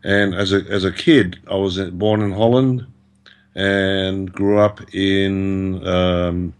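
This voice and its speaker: A man's voice: deep voice, steady tone, slow, clean tone. A man, a guest artist speaking over a video call, reflective and hesitant with frequent fillers. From Australia. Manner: reflective, hesitant, many "you know" fillers. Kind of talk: conversational interview answer. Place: indoors in Beijing.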